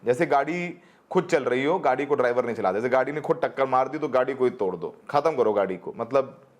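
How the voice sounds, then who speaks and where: A man reporting a news story in a halting way, with many filler sounds. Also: mid-range voice, expressive.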